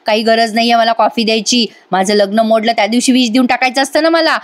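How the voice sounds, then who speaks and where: A woman's voice: a little high, fairly even intonation, fast talker, no echo, close to an everyday voice. Woman voicing a spiteful young woman. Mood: bitter. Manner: bitter, cutting.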